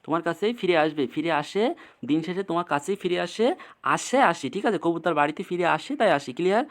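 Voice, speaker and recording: A tutor gives a casual mnemonic lesson, repeating each point and quizzing with quick rhetorical checks. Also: mid-range voice.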